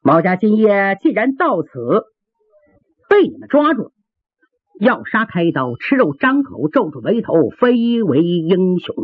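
Woman storyteller doing a low gruff young warrior, defiant, husky, phone-like sound. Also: big pitch swings, a little slow, no room sound. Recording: dry, tinny phone-like sound.

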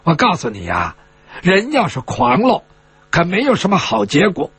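A man's voice: high voice, wildly swooping pitch, moderate pace, a bit bright, husky, dry recording, pitched below the performer's own voice, exaggerated voice. A man voicing an arrogant, spoiled young male swordsman who taunts and needles. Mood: taunting.

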